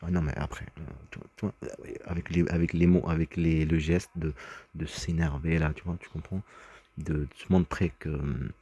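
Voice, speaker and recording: A man's voice: extremely low pitch, little pitch movement, normal speed, warm tone, slightly rough. A man talking in a rambling personal monologue, agitated and often stumbling over and repeating his words. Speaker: vlogger.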